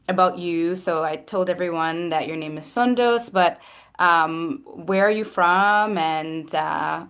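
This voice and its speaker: Host: woman with a lowish voice, curious and friendly interviewer. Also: a bit bright. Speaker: podcast host. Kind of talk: casual interview talk.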